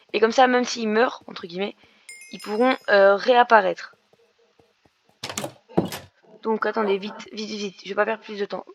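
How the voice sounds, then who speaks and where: The audio is dull, with slight hiss or hum, as a medium-pitched young woman talks through her Minecraft gameplay. She's a gaming YouTuber whose let's play commentary is casual and explanatory, peppered with fillers and restarts.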